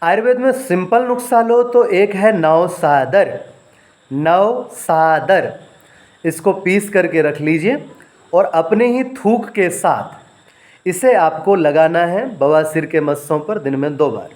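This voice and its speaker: A man teaching home remedies, dictating ingredient lists slowly and repeating and spelling out words for listeners to write down. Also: high-pitched, darkish tone. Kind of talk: instructional home-remedy talk.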